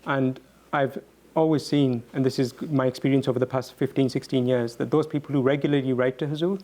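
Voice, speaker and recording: A man in a reflective talk, answering as a guest speaker. His delivery is earnest and halting, with repeated words, and his pitch sits in the middle range for a man. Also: steady tone, a little mellow.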